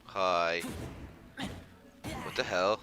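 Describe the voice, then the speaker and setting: A game streamer speaks very slowly in a low voice with fairly even intonation, over music. He offers casual live gameplay commentary full of slang, swearing and mimicry.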